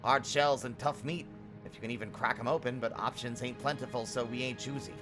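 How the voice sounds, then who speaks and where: A man voicing a gruff, rustic male bug villager in a video game, talking in a blunt folksy dialect. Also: mid-range voice, fairly even intonation, fairly quick, close to an everyday voice. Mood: grumbling. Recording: game music behind.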